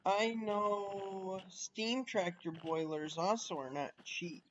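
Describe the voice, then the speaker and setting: A man chats casually while streaming a train game, musing aloud and asking his viewers questions between pauses. He talks slowly and takes his time. The stream audio is dull and lo-fi, with a faint hiss of noise underneath. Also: high-pitched, steady tone, a bit bright. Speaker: livestreamer playing a train simulator. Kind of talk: casual live gameplay chat.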